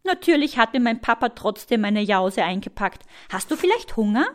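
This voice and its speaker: Storybook girl, curious and lively, higher voice; woman reader plays her. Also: moderate pace. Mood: eager. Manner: eager, bright. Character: curious excited young girl explorer.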